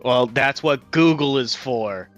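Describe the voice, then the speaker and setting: A man's voice: medium pitch, slow pace, soft background music. A man teasing the others as a tabletop game player on a voice call. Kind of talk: casual chat on a voice call.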